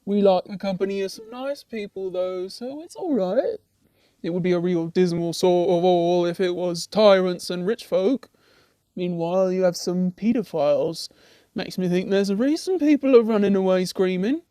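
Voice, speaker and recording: This ordinary demon, voiced by a woman, lazes about in hell and rambles wryly in loose, colloquial speech with a mild tease, as if in a comic puppet show. Her voice is dark, relaxed, natural and fairly low, delivered at normal speed. The recording is very dry.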